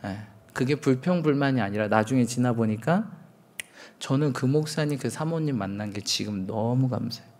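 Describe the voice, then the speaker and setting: A man's voice: mid-range voice, lively intonation, moderate pace, darkish tone. A man in his thirties, a pastor preaching a sermon, telling candid self-mocking stories and acting out quotes.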